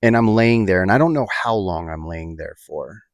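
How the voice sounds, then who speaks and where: A man recounts a personal experience in a low voice, pausing often and restarting his sentences. The sound is dry and close, with no room around it. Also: animated, no room sound. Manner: reflective, halting, many fillers and restarts. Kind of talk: personal storytelling.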